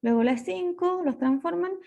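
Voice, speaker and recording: A Chilean woman teacher talks her students through grammar rules one step at a time. Her voice sits high and a little mellow, with a gravelly edge, and she slows down to stress what matters. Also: highs cut off. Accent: Chilean Spanish. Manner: patient step-by-step explaining, slows on key words. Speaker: English teacher. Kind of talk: recorded lesson explanation.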